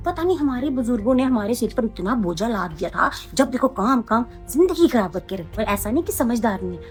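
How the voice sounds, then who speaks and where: A woman's voice: a little high, darkish tone, natural voice. A woman acting in a comic family skit, chatting and gossiping about home life.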